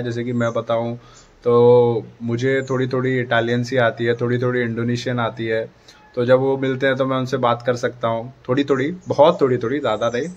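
In this clip, a thirty-something male vlogger chats to his viewers with advice, gesturing freely. The phone camera recording him is held at arm's length in a dim room near a dark door. His pitch is medium, and the high frequencies are cut off.

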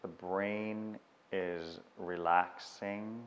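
A very low-voiced man leads a guided meditation, keeping a steady tone and a very slow pace with long pauses between measured instructions. The audio has a long, lingering reverb, and its highs are cut off.

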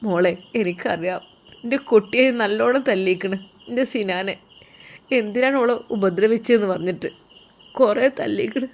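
Tender old father, tearful and soft-spoken, lilt, as a woman narrator puts him on. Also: medium pitch, moderate pace, gravelly, lightly acted.

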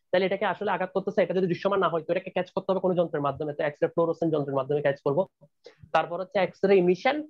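A man's voice: on the high side, muffled recording. A young man teaching a chemistry class online, repeating key points and often checking that his students are keeping up.

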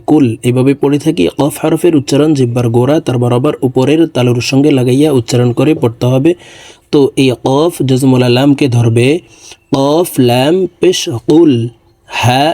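A man teaching Quran recitation, spelling out letters and vowel marks slowly and carefully, then reciting in a drawn-out, melodic way. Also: medium pitch, mellow, dry recording.

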